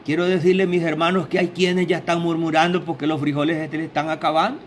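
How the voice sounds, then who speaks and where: A man preaching a sermon in a small church. He is fervent, keeps asking his listeners "right?", and his pitch swings widely as he preaches. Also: flat delivery, quick pace, slight background noise. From El Salvador. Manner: fervent, sweeping pitch, tag questions. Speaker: lay preacher.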